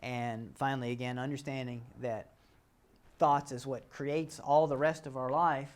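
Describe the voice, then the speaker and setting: A man gives a calm, explanatory talk on a self-help model. He works through his ideas step by step and often restarts a sentence mid-thought. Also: medium pitch, measured pace. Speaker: teacher.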